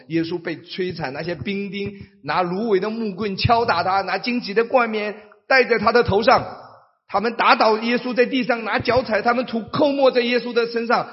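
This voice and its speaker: A man preaching a sermon as pastor, swinging between hushed, low passages and loud, exclamatory ones, with many rhetorical questions. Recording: dull sound with long hall reverb.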